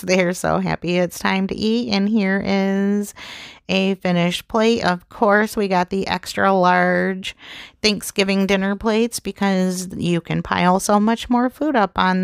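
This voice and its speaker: A woman's voice: mid-range voice, vocal fry, clear, resonant tone, no room sound, clean studio sound. A woman hosting a home cooking vlog, narrating her dishes in a chatty, homey way with small laughs. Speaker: cooking channel host. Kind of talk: casual cook-along narration. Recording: music playing underneath.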